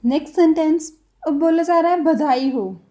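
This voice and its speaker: A young woman teaching a spoken language lesson, repeating each example phrase slowly and deliberately. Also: sits high, warm tone.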